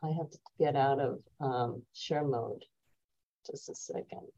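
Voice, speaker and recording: A woman's voice: very deep voice, measured pace, dark tone. A woman presenting at a work meeting over a video call, speaking hesitantly with fillers and restarts. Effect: heard over a video call. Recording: muffled video call audio.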